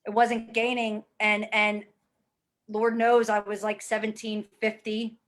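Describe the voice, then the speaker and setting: A woman in her forties describes her own experience with a fitness program in a mid-range voice, level in tone and a little slow. It's a candid, emphatic conversation laced with offhand cursing.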